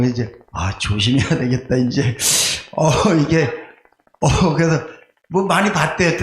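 A male pastor preaching a conversational, storytelling sermon, animated and confessional, making jokes at his own expense. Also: fairly high pitch. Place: church sanctuary. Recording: echoey church room with faint background noise.

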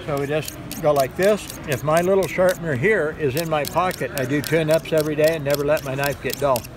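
A middle-aged man giving a knife-sharpening sales demo at a gun show, talking in steady instructive patter and repeating simple tips. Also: on the high side, brisk. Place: busy indoor gun show hall. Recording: noisy crowded show floor. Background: crowd chatter.

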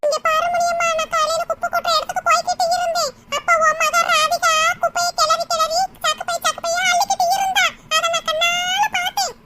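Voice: very high voice, level tone, a little fast, few pauses. A voice actor playing a nosy, gossipy old village woman in a cartoon. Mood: telling. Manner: insistent, gossipy. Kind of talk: cartoon dub acting. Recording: loud background noise.

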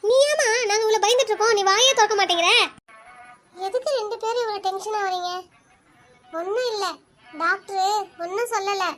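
Someone voicing a squeaky fussing old granny. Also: a little fast, pauses often, fairly bright tone, slight background noise. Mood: scolding. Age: over 60. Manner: scolding, flustered, rambling. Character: fussing old great-grandmother, excitable. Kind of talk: cartoon voice acting.

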